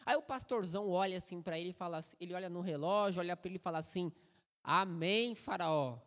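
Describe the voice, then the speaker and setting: A man in his thirties with a Brazilian Portuguese accent, a guest preacher giving a sermon in a joking, animated, conversational way, with a fairly high voice for a man. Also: racing. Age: 30s. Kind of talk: sermon with humorous storytelling. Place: church sanctuary. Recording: long church hall reverb.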